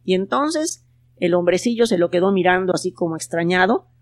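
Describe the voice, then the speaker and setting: A storyteller, reading a children's tale in a calm, unhurried way. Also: medium pitch. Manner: calm, unhurried telling with plain quoted voices. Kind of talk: storybook narration.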